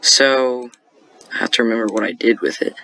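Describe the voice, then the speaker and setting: A man's voice: medium pitch, steady tone, moderate pace, background noise. A young man casually explaining how he made a beat, rambling with lots of fillers and self-corrections. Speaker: beat-making tutorial host. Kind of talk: casual screen-recorded tutorial.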